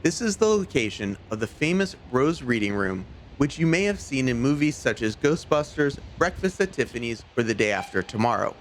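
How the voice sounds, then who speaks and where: A man's voice: mid-range voice, sing-song, a little fast, hardly any pauses. A man narrating an informative guided tour as a travel host. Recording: faint background noise and ambience.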